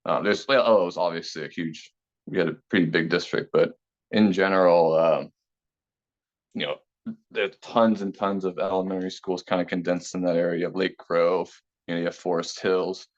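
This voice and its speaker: Casting: low-voiced man in his thirties, relaxed, rambling interview guest, slightly muffled recording. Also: normal speed. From Taiwan. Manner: relaxed, rambling, many fillers. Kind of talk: casual conversational interview. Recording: slightly dull lo-fi sound.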